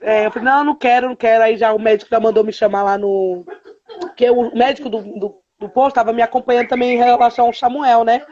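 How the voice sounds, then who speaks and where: A woman's voice: a little high, steady tone, fast talker, mellow, muffled recording. A woman telling her own story as a mother in a live stream interview, with hesitant fillers and quoted dialogue. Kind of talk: emotional personal testimony on a live stream.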